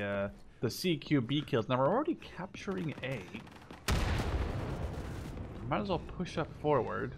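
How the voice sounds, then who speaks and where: Medium in pitch, the voice of this gameplay host, a man in his twenties, comes through a noisy background. He gives casual, meandering live commentary, swearing here and there and frequently correcting himself. Video game gunshots, machine guns and clicking play behind his speech.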